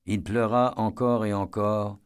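Low-voiced male audiobook narrator. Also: fairly even intonation, unhurried, clear, resonant tone.

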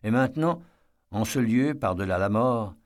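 A man reading a novel aloud as a narrator, in a measured, steady storytelling manner. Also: mid-range voice. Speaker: audiobook narrator. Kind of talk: scripted narration.

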